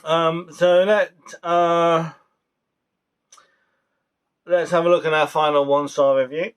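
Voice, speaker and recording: A man's voice: a little high, level tone, takes it slowly, clean tone. A young man casually reviewing a show on his vlog, rambling with fillers and restarts. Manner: rambling, many fillers and restarts, laughs at his own jokes. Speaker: vlogger reviewing a TV series.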